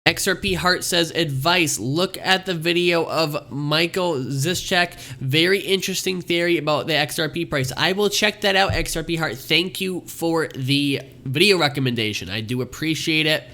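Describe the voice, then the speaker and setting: A young man runs a casual livestream, rambling along and thanking viewers again and again even as he loses his voice. His pitch is on the high side, his tone sharp, and he keeps a moderate pace with few pauses.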